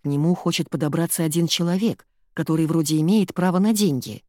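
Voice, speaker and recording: A woman's voice: deep voice, fast, mellow, no room sound, studio quality. A woman reading a novel aloud as an audiobook narrator, telling the story expressively. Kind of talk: scripted narration.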